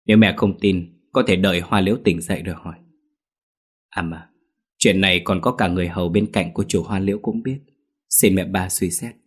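A man voicing a courteous young wife in a storybook tale, answering accusations in his own low voice. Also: steady tone, brisk, husky. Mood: pleading. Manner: polite, deferential pleading. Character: young wife, clever and polite under suspicion.

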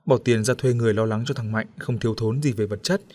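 A man narrating an audiobook story in a steady, even storytelling manner. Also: fairly low pitch, quick pace.

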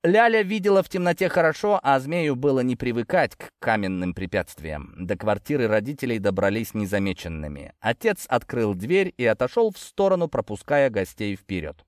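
A man narrating a fantasy story in a lively, expressive reading. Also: medium pitch, normal speed, few pauses, dry recording, clean studio sound. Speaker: audiobook narrator.

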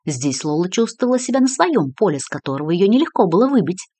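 Fast, lively woman narrator. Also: mid-range voice, no echo. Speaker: audiobook narrator. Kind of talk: scripted narration.

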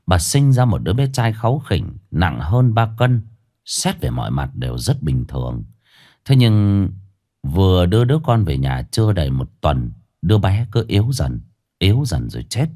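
Lively low-voiced male storyteller. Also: normal speed. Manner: grave, dramatic storytelling. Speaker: horror story narrator. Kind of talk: scripted horror narration. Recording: faint music behind.

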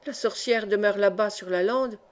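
A woman's voice: medium pitch, moderate pace, natural voice. Angry young poacher in an audiobook, played by a woman narrator. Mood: tense, scornful. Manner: tense, threatening. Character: angry young male poacher, quick to threaten.

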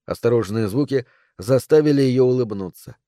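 A man narrates a novel aloud in a calm, measured way, his tone mellow and unforced. The sound is close and dry. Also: medium pitch, dry recording. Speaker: audiobook narrator.

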